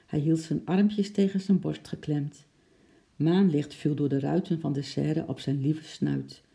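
A narrator reading a children's story aloud in a calm, unhurried way. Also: mid-range voice, creaky.

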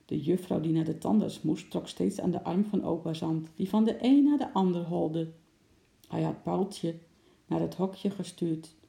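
A narrator reads a children's story in a lively, animated way. The voice is dark and gravelly. It is recorded in a roomy, echoing space. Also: medium pitch, a little slow. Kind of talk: children's audiobook reading. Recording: roomy echo.

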